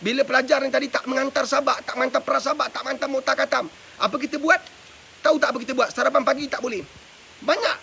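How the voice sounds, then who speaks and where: A man's voice: very high-pitched, creaky, bright, forceful tone, a little hiss or hum. A man, a madrasah religious teacher giving parenting advice on a live stream, preachy and forever asking his listeners whether they understand. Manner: preachy, keeps asking rhetorical questions. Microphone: live stream mic with faint hiss.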